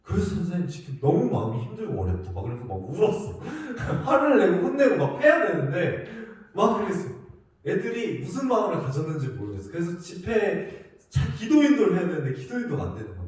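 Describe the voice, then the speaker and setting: A young male youth pastor preaches with a high, wildly swinging voice, confessional and quick to laugh. He stands well back from the microphone, and his words boom around a big reverberant church hall. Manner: animated, confessional, laughs often. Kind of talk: storytelling sermon. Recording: very echoey hall, voice far from mic.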